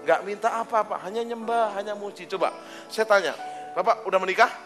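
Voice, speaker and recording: A fairly high-voiced man preaching on a handheld mic. He teases and jokes with his congregation between points, and soft music plays faintly behind him. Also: fairly quick. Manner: joking, teasing, talks casually with listeners. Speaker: pastor. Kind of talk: lively sermon with congregation banter. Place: church service hall.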